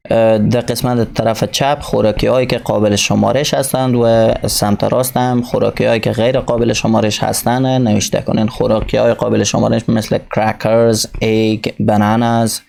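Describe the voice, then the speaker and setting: Gravelly man teaching English slowly. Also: fairly low pitch, level tone, a little mellow, a little hiss or hum. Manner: reads English slowly, explains in Dari. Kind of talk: recorded textbook lesson.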